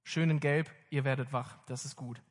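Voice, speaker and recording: A young man preaching a sermon in a casual, lively way, speaking directly to his congregation. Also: medium pitch, normal speed. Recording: long reverb of a hall.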